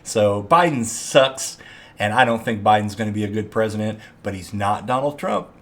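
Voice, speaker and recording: A man's voice: lowish voice, fast talker, a bit bright. A man hosting a political commentary show, ranting in a mocking, gleeful and profane way.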